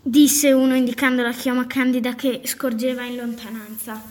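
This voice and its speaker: A woman narrating a children's story with a clear, expressive reading manner. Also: on the high side, moderate pace. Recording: echoey room with faint noise.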